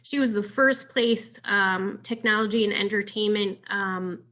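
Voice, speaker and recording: A woman's voice: mid-range voice, unhurried. A woman organizing an online session, casually introducing the next speakers with lots of fillers. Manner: relaxed, filler-heavy. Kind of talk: casual introduction on a video call. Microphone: video call.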